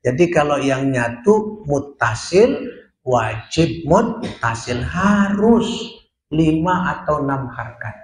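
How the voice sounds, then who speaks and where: A man gives a recitation lesson at an unhurried pace, modeling each sound aloud before explaining it. His mid-pitched voice rings around a small prayer room with plenty of echo. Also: animated. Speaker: Quran recitation teacher. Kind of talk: tajwid lesson at a prayer hall.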